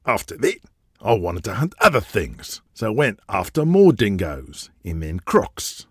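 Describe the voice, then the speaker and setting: In an audio drama, a man plays a brash, profane Australian big-game hunter and media tycoon who boasts and intimidates while reminiscing. His fairly low voice has a sing-song lilt, a measured pace and a slight roughness. The acting is heavy, and the studio-quality recording has no room sound.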